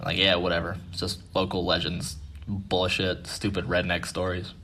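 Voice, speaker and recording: A man with a fairly low voice telling a ghost story the way you'd tell it to friends. He is relaxed and self-mocking, with swearing thrown in. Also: moderate pace, slight background noise. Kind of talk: casual spoken ghost story.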